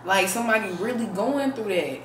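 A woman's voice: mid-range voice, lively intonation, a little fast, fairly bright tone, a little hiss or hum. An American woman chatting casually in an affirming, slangy way. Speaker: conversation partner. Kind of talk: casual chat. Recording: echoey room.

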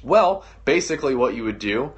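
A young man leads a casual livestream lesson from a whiteboard, his voice in a middling pitch. He talks with loose, slangy energy and slips into short acted-out exchanges. The sound comes from a phone camera set a little way off in an indoor room. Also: normal speed, lo-fi sound. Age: young adult. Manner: energetic, slangy, gesturing, acts out little dialogues. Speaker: livestream host teaching marketing. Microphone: phone camera at a distance.

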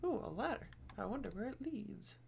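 A man's voice: sits high, sing-song, moderate pace, vocal fry, a little mellow, slight background noise. A man casually commenting as he plays a game, muttering self-deprecating asides. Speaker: game streamer.

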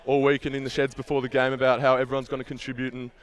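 A man's voice: medium pitch, monotone, racing, clear, resonant tone. A young man, a team captain, giving earnest post-match interview answers on an outdoor field through a headset. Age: young adult.

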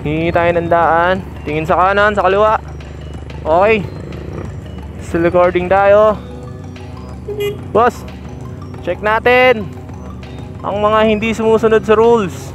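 A chatty man talks riders through road rules from his moving motorbike, his voice sitting fairly high. He points things out as he rides, recorded outdoors on a helmet-mounted camera. Music plays clearly underneath. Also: steady tone, slow, pauses often. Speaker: motovlogger. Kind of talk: casual commentary while riding. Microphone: helmet-mounted action camera.

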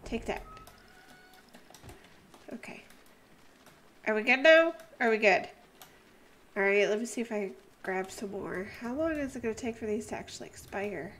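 A young woman casually commenting on her gameplay, exclaiming loudly at the animals and dropping to a hush when she sneaks around. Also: medium pitch, normal speed, pauses often. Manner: excitable, exclaiming and talking to the animals; drops to a hushed voice while sneaking. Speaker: gaming channel host.

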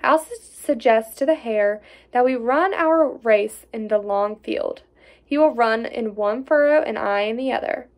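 A woman reading a storybook aloud, voicing a crafty, cheery little male hedgehog in a raised, cocky voice. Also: measured pace. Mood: bossy. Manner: cocky and scheming, raised pitch.

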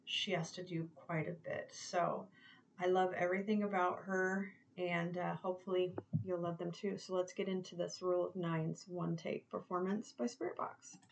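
A woman's voice: fairly low pitch, steady tone, normal speed, vocal fry, slight background noise. A young woman casually chatting as she reviews a metal song, gushing and informal, swearing now and then. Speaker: music reaction reviewer. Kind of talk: casual chat.

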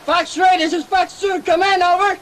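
An actor playing a wounded young soldier who calls for help over a field radio in a war film, panicked and repeating himself. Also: male voice, very high-pitched, little pitch movement, normal speed, heavy background noise. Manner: panicked, calling out again and again. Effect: heard over a field radio.

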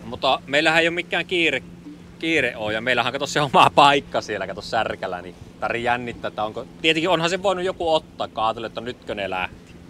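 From under a canopy in a sailboat cockpit, this middle-aged man from Finland talks to a boat-mounted action camera, thinking aloud about his sailing trip with many fillers. His mid-range voice sounds animated, pushed, and bright over wind and water noise.

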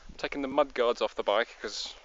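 A Scottish man vlogs while biking in the hills, chatting casually in a rambling, self-deprecating way. His voice is medium-pitched, a bit bright, and fairly quick. The outdoor recording sounds slightly dull, with faint noise.

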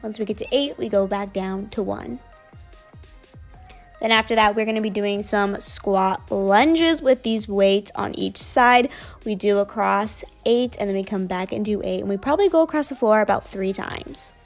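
A young adult woman, a fitness vlogger, narrates her gym workout in a voice-over that's casual, chatty, and upbeat. Her voice is medium-pitched at a normal speed, with faint music in the background.

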